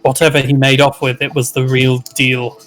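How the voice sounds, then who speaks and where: A man's voice: mid-range voice, completely flat delivery, normal speed, a bit bright, rough recording. A man playing a tabletop game, speaking in character in a scholarly, musing way. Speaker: player.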